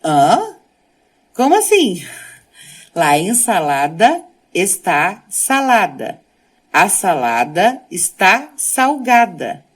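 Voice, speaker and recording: A woman teaching a Spanish lesson, speaking Portuguese as her first language, who reads sentences aloud and then translates and explains them. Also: medium pitch.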